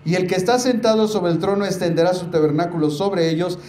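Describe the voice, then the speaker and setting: Male pastor, sermon, high-pitched and emphatic, recorded in an echoey church room. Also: fairly even intonation, dark tone. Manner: preaching, repeatedly addressing the congregation as brothers; emphatic, slows down to stress key words.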